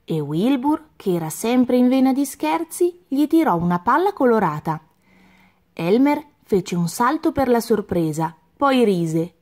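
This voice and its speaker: Lady reading a kids' story out loud, sing-song and animated. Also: on the high side, measured pace. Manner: expressive, sing-song narration. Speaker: children's story reader. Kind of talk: storybook reading aloud for children.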